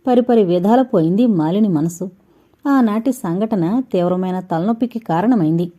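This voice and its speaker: A woman narrating a novel aloud in a steady storytelling manner. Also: medium pitch, moderate pace. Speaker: audiobook narrator.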